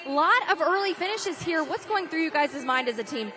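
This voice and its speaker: A woman's voice: high voice, animated, moderate pace, soft background music. A woman reporting live from trackside, doing a sports interview at a stadium event.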